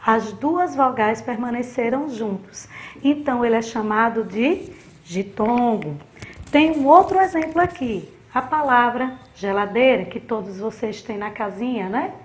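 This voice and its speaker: Slow, patient woman teacher. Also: a little high, animated. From Sergipe, Brazil. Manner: slow, patient, uses diminutives for children. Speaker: primary school teacher. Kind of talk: recorded remote class lesson.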